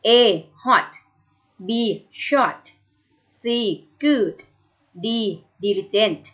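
A woman with a Thai accent teaching English to young pupils in a recorded video lesson, gently drawing out model phrases for the children to repeat. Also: medium pitch, expressive, extremely slow. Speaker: primary school English teacher.

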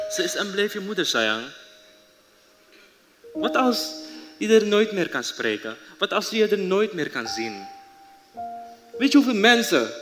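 A man playing a caring young man who coaxes his partner, repeating endearments. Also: high-pitched. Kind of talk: live stage drama. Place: theatre stage. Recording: reverberant theatre hall with loud music.

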